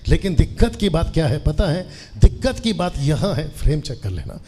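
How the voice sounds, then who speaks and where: A man's voice: on the high side, very animated, moderate pace, mellow, a little hiss or hum. A man in his forties, a pastor, preaching a sermon to a live congregation, often calling on them to answer aloud together and slipping English phrases into his talk. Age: 40s. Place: church hall with a seated congregation.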